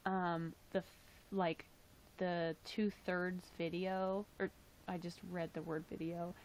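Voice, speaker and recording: A woman's voice: fairly low pitch, flat delivery, takes it slowly, a little hiss or hum, poor audio. A young woman casually chatting on her livestream, reading chat aloud and filling her talk with "like" and "um", her voice tired. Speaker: livestream host.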